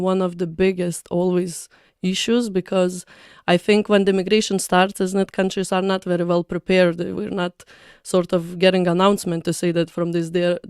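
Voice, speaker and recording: A woman from Lithuania speaks English as a second language, working through her thoughts with occasional fillers. Her voice is smooth and clear, with little rise and fall in pitch. The sound is dry and close, with no room echo. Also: darkish tone. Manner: careful, searching for words with fillers. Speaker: podcast guest. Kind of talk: casual interview talk.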